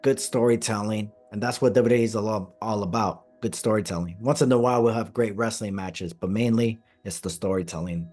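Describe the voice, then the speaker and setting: A man hosting a wrestling podcast, chatting excitedly and stressing his points, his voice a bit hoarse. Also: fairly low pitch, brisk, hardly any pauses, soft background music. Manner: excited, emphatic, repeats phrases. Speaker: podcast host. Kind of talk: casual podcast chat.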